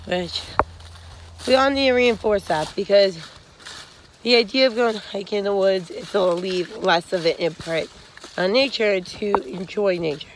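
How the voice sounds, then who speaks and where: Slow, rambling young woman vlogging outdoors. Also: on the high side, slight background noise. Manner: rambling, frank, many fillers and restarts. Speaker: hiking vlogger. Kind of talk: casual advice vlog. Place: outdoors on a wooded trail. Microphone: phone held at arm's length.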